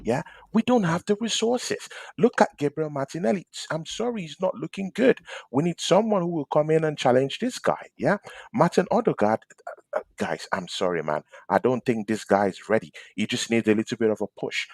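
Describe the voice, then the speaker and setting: A man hosting a fan debate show, ranting passionately about his team and swinging between loud outbursts and quiet asides. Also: on the high side, animated, brisk, gravelly, dry recording. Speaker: fan channel host. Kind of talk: heated football fan debate.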